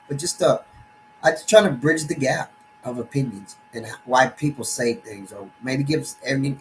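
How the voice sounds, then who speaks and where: A middle-aged Texan with a Texas accent hosts his own sports live stream, rambling loosely with many restarts and fillers. His voice is mid-range, and the rough desktop-computer recording carries a little hiss or hum.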